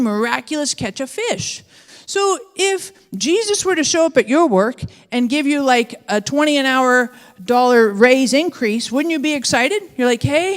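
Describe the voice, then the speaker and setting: A woman pastor giving a sermon, telling the story in a casual, conversational way and briefly acting out the voices of its characters. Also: sits high. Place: church. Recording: long church hall reverb.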